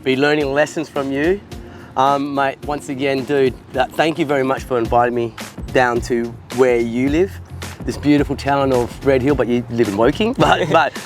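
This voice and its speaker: A man's voice: medium pitch, fairly even intonation, normal speed, soft background music. A man with an Australian accent hosting a casual interview in a matey, sweary, blokey way. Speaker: podcast host interviewing a guest. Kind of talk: casual chat.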